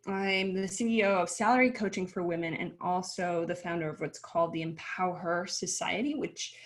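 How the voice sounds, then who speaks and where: Chatty upbeat woman from chile in her 30s, on a video call, mid-pitched voice. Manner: upbeat, chatty, laughs easily, some slow emphatic stretches. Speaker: panelist, company founder. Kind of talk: casual video-call panel talk.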